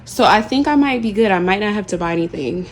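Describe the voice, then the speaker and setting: A woman's voice: mid-range voice, lively intonation, quick pace, slight background noise. A woman casually talking viewers through a home decorating project, upbeat and chatty, recorded on a phone camera indoors. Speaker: home vlogger. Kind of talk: casual vlog walkthrough. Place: apartment living room, indoors.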